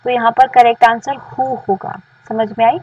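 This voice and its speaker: A woman with an Indian accent teaching English grammar, explaining in Hindi and reading example sentences slowly while asking her students questions. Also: fairly high pitch, flat delivery, distant mic, phone-quality sound. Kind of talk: bilingual classroom-style lesson.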